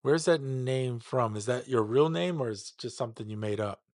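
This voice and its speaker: A man's voice: mid-range voice, normal speed, darkish tone, no room sound, studio quality. A man hosting a live stream, chatting casually while he demonstrates a mix. He is easygoing, stumbles over names and repeats them as he works them out.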